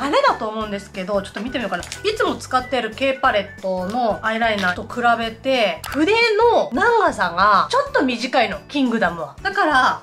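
A woman's voice: high voice, fairly bright tone. A woman in her thirties with a Nagoya accent, chatting casually to viewers while doing her makeup, with a self-deprecating, talkative manner. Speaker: beauty vlogger. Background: faint background music.

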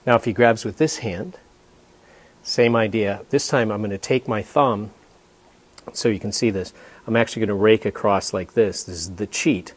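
Older man, low voice, demonstrating technique. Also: normal speed. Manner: explanatory, thinking aloud while demonstrating. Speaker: martial arts instructor. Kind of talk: hands-on demonstration. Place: dojo indoors.

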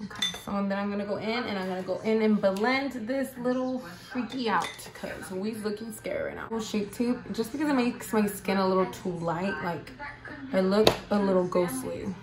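A woman's voice: medium pitch, moderate pace, crowd noise. A young woman talking casually and playfully to the camera, and partly to herself, as she applies makeup. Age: young adult. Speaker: beauty vlogger. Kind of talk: casual get-ready-with-me chat while doing makeup. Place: indoor room at home.

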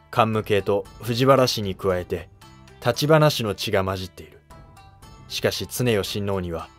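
An actor playing an earnest, dignified Japanese emperor with stately, archaic speech in a historical drama. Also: male voice, fairly low pitch, a bit bright, natural voice.

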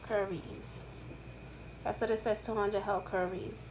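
Slow, chatty woman with rain behind. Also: mid-range voice, fairly even intonation. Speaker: haul vlogger. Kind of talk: casual haul narration. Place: indoors at home, rain outside. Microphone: camera mic, off-screen, hands in frame. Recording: rain noise in background.

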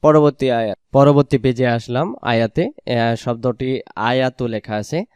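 A man from Bangladesh teaching Quran reading, rattling through explanations, then reciting verses slowly and drawn out. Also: mid-range voice, darkish tone, smooth, no room sound. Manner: brisk explanations between slow, drawn-out recitation.

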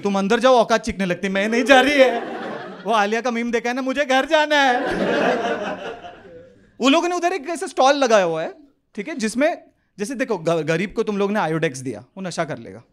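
Animated young stand-up comic, Mumbai Hindi. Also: male voice. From India. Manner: animated, quick voices for street characters, swings in pitch. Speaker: stand-up comedian. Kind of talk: stand-up comedy set. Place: comedy club stage with live audience. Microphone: handheld stage mic. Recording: live club recording with audience laughter.

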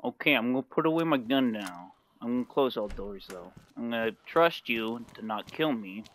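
A man's voice: medium pitch, lively intonation, moderate pace, fairly bright tone, slight background noise. A man playing a survival game, chatting in voice chat in a joking, jumpy way and swearing casually. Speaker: gamer streamer.

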